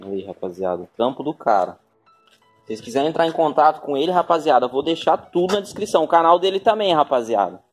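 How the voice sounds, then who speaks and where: A man with a Brazilian Portuguese accent hosting a casual vlog from a home garage, chatting in a relaxed, slangy way and often turning to his viewers. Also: fairly high pitch, quick pace, faint music behind. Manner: laid-back, slangy, keeps addressing the viewers. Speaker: channel host. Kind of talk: casual chat.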